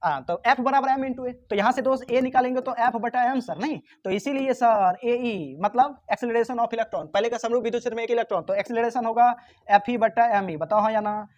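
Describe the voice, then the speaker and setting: A man with a very high-pitched, slightly mellow voice talks a little fast while prepping students on physics exam questions, one after another. Teasing and scolding come easily to him, and sometimes he answers for the students in their own voice.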